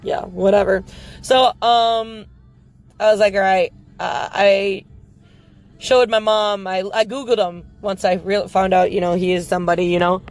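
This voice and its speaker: A woman's voice: mid-range voice, steady tone, measured pace, darkish tone. A woman casually telling a personal story on her podcast, rambling and frank, swearing freely and filling gaps with ums and likes. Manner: rambling, frank and profane, full of fillers.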